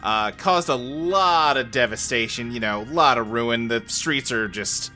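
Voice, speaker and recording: A man running a tabletop game, narrating casually in a halting, improvised way. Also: medium pitch, pushed and bright, faint music behind. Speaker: game master.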